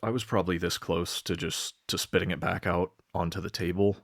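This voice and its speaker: A young man with a low, gravelly voice, recorded dry and close. He tells a comedic story to camera in a rambling, deadpan way, full of fillers and swearing. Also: a little fast, no echo. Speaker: vlogger.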